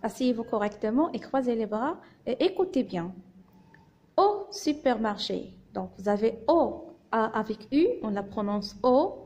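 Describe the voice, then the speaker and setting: A woman teacher with a Moroccan accent, giving a slow phonics reading lesson to young children and patiently sounding out letters and syllables. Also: on the high side, expressive, a little mellow. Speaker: primary school teacher.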